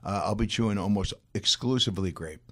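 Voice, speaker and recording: An easygoing man sitting in as a guest on a podcast, chatting in a friendly way. His voice sits fairly low. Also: a little fast. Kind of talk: casual podcast chat.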